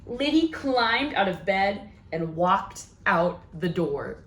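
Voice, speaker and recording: This storytime host at a children's library speaks slowly in a mid-range, somewhat bright, sing-song voice. She reads a picture book with expression, pausing for questions and exclamations of wonder aimed at young listeners.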